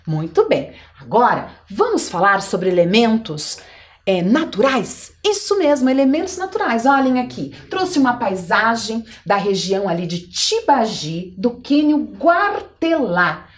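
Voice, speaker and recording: Woman, Brazilian Portuguese accent, schoolteacher, animated pitch, fairly high voice, encouraging, slow drawn-out words for children. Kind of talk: televised children's lesson.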